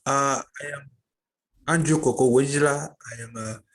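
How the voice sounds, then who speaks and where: A man, a student, asking an earnest and halting question over a video call. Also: mid-range voice, fairly even intonation, rough recording. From Liberia.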